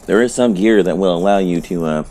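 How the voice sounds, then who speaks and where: A let's play host with a deep voice and a warm tone talks briskly over casual gameplay. He has a sore throat that leaves him a little hoarse, and his commentary is laid-back and full of profanity.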